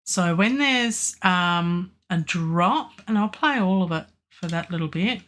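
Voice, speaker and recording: Still getting over a virus, an Australian woman with a lingering cough and weak voice rambles through a casual live stream about mixing a track, with many ums and restarts. Her voice sits lowish and is expressive, unhurried and fairly bright.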